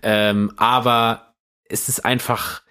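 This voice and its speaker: A man's voice: mid-range voice, slow, smooth. A young man co-hosting a podcast in casual, slangy chat, full of fillers and easily fired up. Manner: slangy, excitable, with many fillers. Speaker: podcast co-host.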